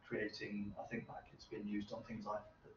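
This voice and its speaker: A researcher in his thirties, voice lowish and monotone, responds to questions at a casual technical seminar, working through his thoughts out loud in fits and starts. He's recorded from afar by a camera microphone in a medium room with hard walls, giving a roomy, muffled, noisy sound.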